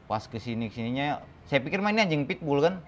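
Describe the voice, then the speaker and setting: A man's voice: a little high, fast, a little hiss or hum. A young man from the Kei Islands, a dog trainer and guest, telling stories in casual chat and acting out the voices and calls. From Kei Islands, eastern Indonesia. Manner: animated, acts out quotes and calls.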